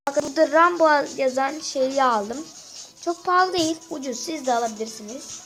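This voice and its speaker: Faint game music plays behind a woman with a sore throat who hosts a gaming channel and casually walks through gameplay, treating her viewers as friends throughout. Her high, slightly bright voice moves at a normal speed in a low-quality recording.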